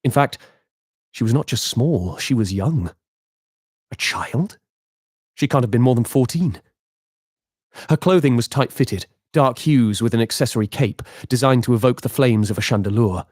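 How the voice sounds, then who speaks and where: A man narrating a game epilogue as game master, with measured, dramatic storytelling. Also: medium pitch, lively intonation, darkish tone, slightly rough, dry recording, studio quality.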